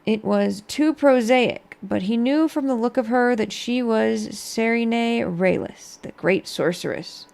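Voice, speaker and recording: A woman's voice: a little high, a little slow, creaky, few pauses, a little mellow. A woman narrating a storybook aloud as a game streamer.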